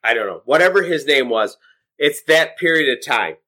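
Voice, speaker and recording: A man's voice: medium pitch, animated, normal speed, sharp tone. A middle-aged man co-hosting a podcast, recapping a movie in a casual, rambling way with lots of swearing, fillers and restarts. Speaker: podcast co-host.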